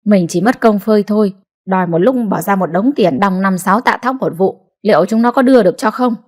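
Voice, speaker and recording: A woman voicing a bitter, sharp-tongued old mother-in-law who scolds and snaps at her family. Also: medium pitch, a little fast, close to an everyday voice. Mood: scolding. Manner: scolding, snapping, grudging.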